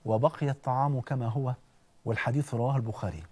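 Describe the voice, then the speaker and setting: Fast-talking husky Egyptian preacher. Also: male voice, mid-range voice. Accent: Egyptian Arabic. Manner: animated, conversational, asks listeners "get it?". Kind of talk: storytelling sermon.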